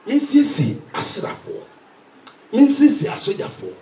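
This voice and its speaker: High, lively preacher in an echoey hall. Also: male voice, unhurried. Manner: energetic preaching, pacing and gesturing, often shouting. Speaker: head pastor. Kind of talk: sermon, mixing Twi and English. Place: church hall with carpeted floor. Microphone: handheld mic. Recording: echoey hall recorded from a distance.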